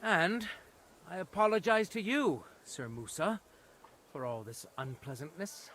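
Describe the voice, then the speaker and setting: Game role: a pompous noble judge, lively high-set voice, slow deliberate delivery. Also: male voice, a little hiss or hum. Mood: imperious. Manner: pompous, imperious, contemptuous. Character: haughty noble judge, lord presiding over trial.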